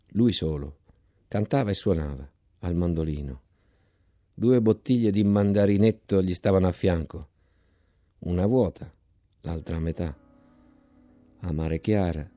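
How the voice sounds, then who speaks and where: Dark-voiced man reading a novel aloud. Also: low voice. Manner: measured, dramatic storytelling delivery. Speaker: reader of a novel. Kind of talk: scripted literary reading. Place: radio studio.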